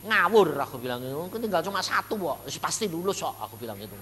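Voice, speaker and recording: Dramatic high-voiced male preacher in a hall. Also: big pitch swings, fast talker. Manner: dramatic, swinging from shouts to hushed low tones. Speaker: pastor. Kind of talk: sermon. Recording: long hall reverb, faint hum.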